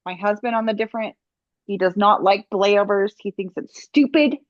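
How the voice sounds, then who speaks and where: A woman's voice: medium pitch, normal speed, no echo, lo-fi sound. A young woman co-hosting a podcast, chatting casually and rambling, tripping over words now and then. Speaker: podcast co-host. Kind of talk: casual chat.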